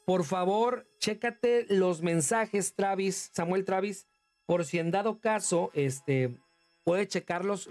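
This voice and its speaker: A talkative man with a Mexican accent streams a game and chats with viewers, his voice sitting a little high. He calls them "monstruo" as he thanks them, while faint music plays behind him. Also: darkish tone. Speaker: livestreamer. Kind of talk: casual livestream gaming commentary.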